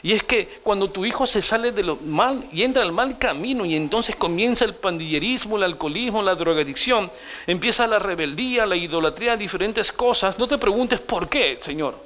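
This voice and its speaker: Middle-aged pastor guy preaching, fairly high voice, lively, keeps asking the crowd questions. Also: fairly quick. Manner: animated storytelling preacher, asks the congregation questions. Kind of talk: sermon.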